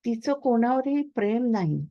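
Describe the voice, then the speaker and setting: A woman's voice: on the high side, very animated, moderate pace, no room sound, highs cut off. A woman reading a troubled hesitant young husband. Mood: subdued.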